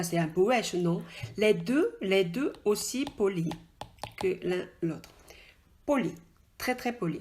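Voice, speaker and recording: A woman teaches in a relaxed, chatty way, talking straight to the learner and checking often that they follow. She speaks at a middle pitch, with frequent small hesitations as she explains at the board. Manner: chatty and informal, addresses the learner directly, frequent "tu vois?" and hesitations. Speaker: Korean language teacher. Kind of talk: casual spoken lesson, explaining at a whiteboard.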